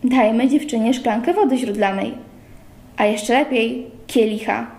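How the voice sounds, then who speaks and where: A woman's voice: on the high side, measured pace, gravelly, darkish tone. A woman reading the lines of a pompous, mock-gallant young man in a roomy space. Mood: bossy. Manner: wordy, mock-gallant lecturing. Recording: roomy echo.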